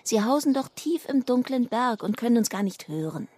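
An eager young girl elf, her voice lifted and lively, as a woman narrator puts her on. She swings between excitement and worry, all in a bright storybook manner. Faint music sits behind her. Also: fairly high pitch, a little fast, dry recording, pitched above the performer's own voice. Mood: eager worried.

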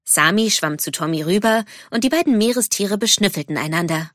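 A woman narrating a children's story in a calm, even storytelling manner. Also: mid-range voice, a little fast, no echo, studio quality.

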